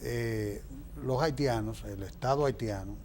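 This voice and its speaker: Speaking at a measured pace in a medium-pitched, somewhat dark voice, a Dominican-accented man gives forceful, opinion-driven explanations of politics during an interview. He often poses rhetorical questions, and a faint hiss or hum runs under the audio.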